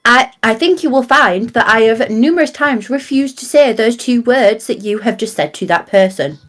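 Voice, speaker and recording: A woman's voice: a little high, expressive, normal speed, lightly acted. A woman playing an exasperated fey woman in a tabletop game, scolding her companions in a bossy, emphatic, repetitive way. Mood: indignant.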